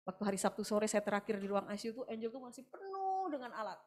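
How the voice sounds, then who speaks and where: A middle-aged woman giving an emotional testimony during a church service, her voice rising to loud, emphatic prayer. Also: fairly high pitch, very animated, fast talker.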